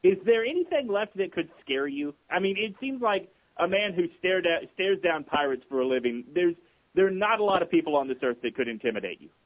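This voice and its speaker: Radio host man, slightly high voice. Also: big pitch swings, fairly quick, highs cut off. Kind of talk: radio interview.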